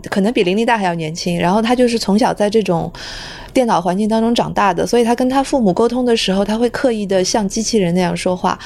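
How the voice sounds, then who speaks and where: A woman's voice: mid-range voice, quick pace, a little mellow. Easygoing woman telling a story on a podcast. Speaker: podcast co-host. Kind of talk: casual podcast chat.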